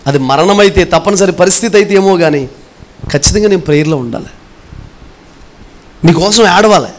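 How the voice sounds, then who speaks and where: A middle-aged male pastor preaching a sermon, earnestly pressing rhetorical questions on his congregation and swinging between forceful and hushed delivery. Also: high voice, expressive, fairly quick.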